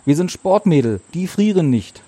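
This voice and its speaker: A man reading the part of a sporty teenage girl, brisk and confident. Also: on the high side, very animated, dark tone, breathy edge, no echo, voice pushed up.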